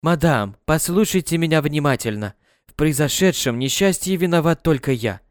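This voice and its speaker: A man's voice: fairly high pitch, animated, normal speed, dry recording, studio quality, lightly acted. A man voicing a stern, formal, guilt-stricken older tutor in a storybook.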